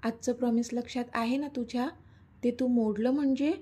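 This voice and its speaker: A woman's voice: on the high side, steady tone, unhurried, mellow, breathy edge. A woman reading a teasing lovestruck young man. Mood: coaxing, playful. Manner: pleading, playful, coaxing. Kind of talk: storybook narration.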